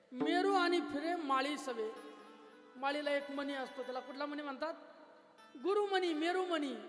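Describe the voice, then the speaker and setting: Male kirtan preacher from Maharashtra with a high, ringing voice. Animated storyteller who chants verses. Roomy hall sound, faint music underneath. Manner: animated storyteller, asks the crowd rhetorical questions. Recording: echoey hall, faint instruments.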